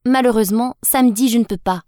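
A woman's voice: fairly high pitch, fast talker, mellow, no echo, studio quality, lightly acted. A woman voicing a young woman named Claire in a scripted French practice dialogue, easygoing and agreeable.

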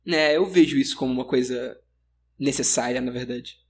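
A man with a husky, mid-range voice and a Brazilian Portuguese accent co-hosts a podcast at a moderate pace. His banter is casual, slangy and grumbling.

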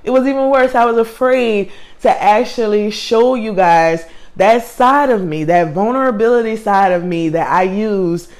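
A woman's voice: mid-range voice, moderate pace, a little mellow. Woman, Southern US country accent, life coach hosting a podcast; casual, emphatic motivational chat. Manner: chatty and emphatic, often says "man" and "like". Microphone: podcast or livestream mic.

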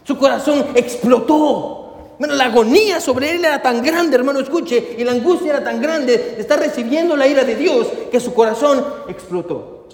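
A man's voice: very high-pitched, moderate pace. A man preaching a sermon as pastor, with bursts of emphasis, again and again calling out to his listeners as brothers. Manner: preaching with bursts of emphasis, repeatedly addressing "hermano". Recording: echoey hall, long reverb.

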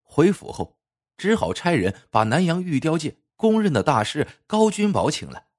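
A man narrating a folk tale with expressive, storytelling delivery. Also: fairly high pitch, moderate pace.

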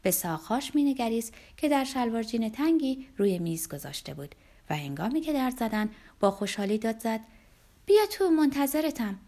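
A woman narrating a novel as an audiobook in an expressive voice that sometimes drops to a hush. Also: fairly high pitch. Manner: expressive, at times hushed to a whisper.

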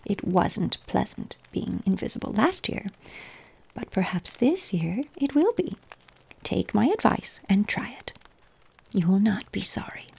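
A small, earnest male elf with a dry little voice, whispered by a woman, in a whispered role-play. The breathy whisper carries a gravelly edge. He is kindly and sure of himself. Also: medium pitch, very animated, measured pace, a little mellow, exaggerated voice.

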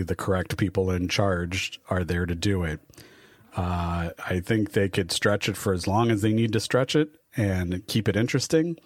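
A man's voice: low voice, dry recording. A man co-hosting a podcast, chatting casually about wrestling, laughing often and acting out what others said. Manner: laughs often, acts out quotes. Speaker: podcast co-host.

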